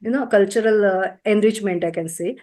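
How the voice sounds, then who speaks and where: A middle-aged woman with an Indian accent talks as an interview guest at a middling pitch. She speaks haltingly, with many fillers and restarts, and slips into Marathi now and then. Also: mellow. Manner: hesitant, many fillers and pauses; switches into Marathi at times. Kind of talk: casual interview chat.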